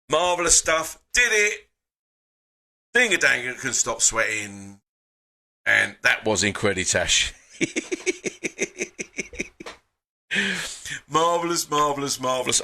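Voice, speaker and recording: A man's voice: on the low side, sharp tone. A man hosting a casual live stream, chatting with frequent fillers and sighs as he reads out viewer comments.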